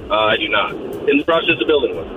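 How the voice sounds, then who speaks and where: A man's voice: lowish voice, big pitch swings, fast, narrow, tinny audio. Man, 30s, radio caller, calling from car, easygoing, music underneath. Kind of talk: casual call-in chat. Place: car in traffic.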